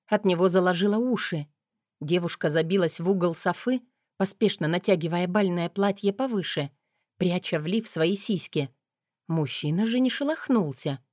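A woman narrating a first-person novel in an expressive, sardonic manner. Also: lowish voice, no echo, studio quality. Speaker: audiobook narrator.

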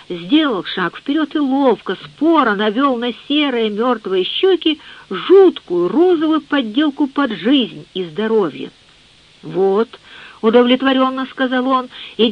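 A narrator reading a literary novel in a measured audiobook style, on a dull lo-fi recording. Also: medium pitch.

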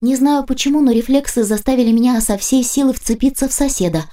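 A woman reading a first-person audiobook aloud in a lively, ironic manner. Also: sits high, fast. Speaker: audiobook narrator.

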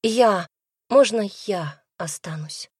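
A woman voicing a shy, loving young woman who speaks softly, in an audiobook. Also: mid-range voice, lively intonation, slow pace, breathy edge, no echo, clean studio sound, voice pushed up, exaggerated voice. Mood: hushed. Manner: soft, hushed.

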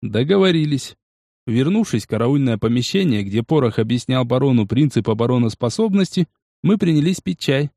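A man narrating a first-person audiobook in a steady, measured way. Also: medium pitch, dry recording, clean studio sound.

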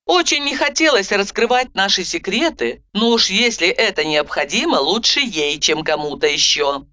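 A woman's voice: medium pitch, expressive, normal speed, bright, forceful tone, dry recording. Woman reading a first-person audiobook, wry, bouncy melody, bit muffled audio. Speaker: audiobook narrator.

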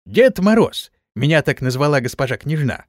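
A man's voice: a little high, sing-song, normal speed, no echo, clean studio sound. A man voicing a polite male orc steward who speaks formally and deferentially.

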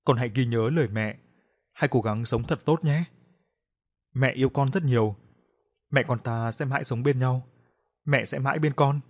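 A man's voice: medium pitch, moderate pace, pauses often, natural voice. A man voicing a weak, dying mother saying loving farewells to her child in a storybook tale. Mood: tender, sorrowful. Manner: faint, pleading farewell.

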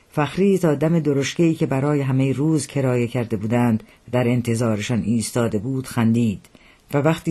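A man reading his own novel aloud as audiobook narration, in a measured, literary manner with a husky voice. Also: medium pitch, mellow.

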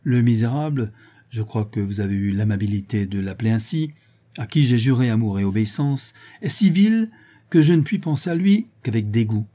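Reading an audiobook, a man with a medium-pitched, mellow, natural voice takes on the role of a proud, worldly signora who mocks and teases her suitor. His delivery is animated and a little fast, and the woman's tone is scornful and teasing.

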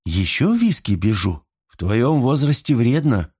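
A man's voice: mid-range voice, sing-song, measured pace, a little mellow, husky, voice pushed up, heavily acted. A man doing a wry, teasing barmaid. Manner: teasing, dry. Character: wry young woman bartender.

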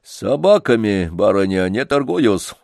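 A man's voice: medium pitch, animated, measured pace, no room sound, clean studio sound, natural voice. A man voicing an old, humble but dignified street organ grinder, deferential and folksy. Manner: deferential, folksy, quietly stubborn. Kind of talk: audiobook character reading.

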